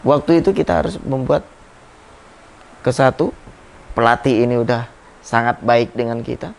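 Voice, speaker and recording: A man in his thirties, once a football captain, tells stories as a guest in a casual interview. His medium-pitched voice carries some vocal fry, and he speaks reflectively, halting and restarting as he goes.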